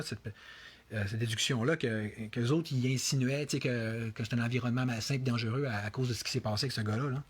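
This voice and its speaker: A man with a Quebec French accent hosts a casual interview. His voice is somewhat husky, and he rambles, circling back with fillers and restarts. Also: medium pitch. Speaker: interview host.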